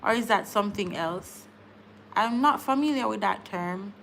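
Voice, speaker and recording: Woman, thirties, bright voice, chatty live-stream host, laughs a lot. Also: mid-range voice, normal speed, vocal fry, slight background noise. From Jamaica. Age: 30s. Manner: chatty, laughs often, repeats words. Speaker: livestream host. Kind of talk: casual live-stream chat.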